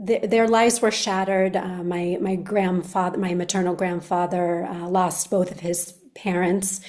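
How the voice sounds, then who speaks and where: A woman with a middle pitch speaks as a guest author. Her answers are earnest and warm in content but halting, with frequent restarts and repeated words. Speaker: guest author, former speechwriter. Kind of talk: interview conversation.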